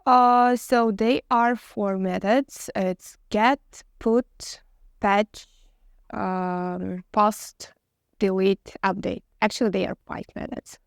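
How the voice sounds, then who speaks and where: A woman interview candidate gives technical answers in a formal, slightly nervous way. Her voice is smooth and clean with creaky edges, and hesitations break up her sentences. The sound is dry, with very little room echo. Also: medium pitch, fairly even intonation, slow pace.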